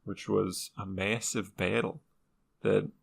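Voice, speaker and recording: A man's voice: fairly low pitch, flat delivery, slow pace, creaky, slightly rough. A man presenting the topic on a casual podcast, laid-back, laughing often and swearing casually.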